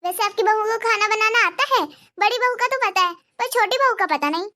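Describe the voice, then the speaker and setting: A woman's voice: very high voice, brisk, bright, forceful tone. Woman voicing a meddling gossipy neighbor. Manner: chatty, probing, complaining. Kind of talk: cartoon dubbing.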